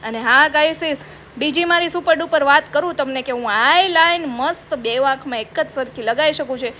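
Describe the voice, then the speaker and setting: This is a high-pitched woman, joking her way through a makeup vlog. She mocks herself playfully and keeps calling out to her viewers, and a faint room ambience sits underneath her voice. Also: moderate pace, bright, forceful tone, a little hiss or hum. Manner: playful self-mocking, addresses viewers as guys. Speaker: comedy vlogger. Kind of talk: comic makeup vlog, chatty. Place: office.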